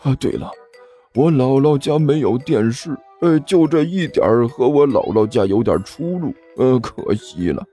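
A man voicing a stubborn, sentimental older male master who speaks slowly and with feeling. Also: medium pitch, expressive, warm tone, soft background music, pitched above the performer's own voice, close to an everyday voice. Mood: sentimental, insistent. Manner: slow, drawn-out, emotional.

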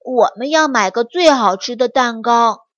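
A woman voicing the eldest boy mouse, calm and reassuring. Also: on the high side, normal speed, no echo. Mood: earnest. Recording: dry, slightly muffled.

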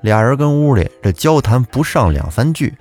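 Guy telling an old folk tale, talks right to the listeners, animated pitch, faint music. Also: normal speed. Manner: chatty, addresses listeners directly. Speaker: storyteller host. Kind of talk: storytelling narration of a folk tale.

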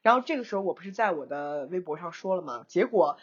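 A young woman co-hosting a casual talk show, telling a personal story in an animated way, laughing often and mixing in English words. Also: fairly low pitch, quick pace, husky, lo-fi sound. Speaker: co-host, screenwriter.

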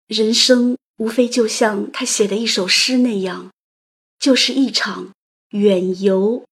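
A woman host narrating a literary story in a delicate, gentle, romantic manner. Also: mid-range voice, fairly even intonation, slow, breathy edge. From China. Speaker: audio program host and narrator.

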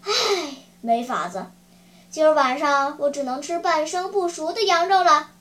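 A woman voicing a gruff, bearded male puppet master who is cold at first, then softens, and keeps breaking into sneezing fits. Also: high voice, moderate pace.

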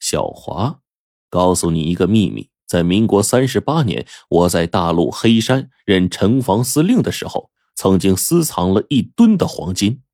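A man's voice: low-pitched, big pitch swings, darkish tone, dry recording, studio quality, heavily acted. A man reading as a solemn old commander. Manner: solemn, measured. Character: elderly male former commander writing a confession.

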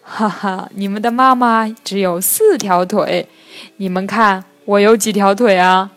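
A woman's voice: medium pitch, steady tone, measured pace, natural voice. A woman voicing a jolly, good-humoured big mother crab in a children's story. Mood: amused.

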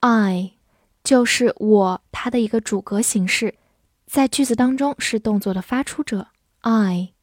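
A woman gives an English vocabulary lesson with a mellow, somewhat high voice. She spells words letter by letter and reads example sentences slowly. The sound is dry and close. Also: dry recording. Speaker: English teacher.

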